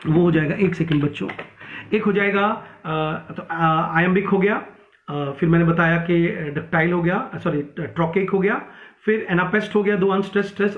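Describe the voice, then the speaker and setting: A high-voiced male teacher lectures for exam preparation, his talk full of fillers and restarts. The sound is thin and phone-like, and the room adds a noticeable echo. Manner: mixes Hindi and English, many fillers and restarts. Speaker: English literature teacher. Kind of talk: online exam-prep lecture. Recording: tinny echoey room sound.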